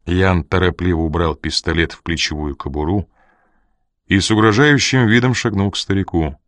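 A man with a very low voice reads an audiobook in measured, scripted narration. The sound is dry and close, with no room around it. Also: a bit bright, no room sound.

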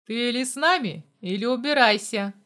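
A woman voicing a cold, ruthless middle-aged father in an audiobook, curt and loud. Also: on the high side, lively intonation, measured pace.

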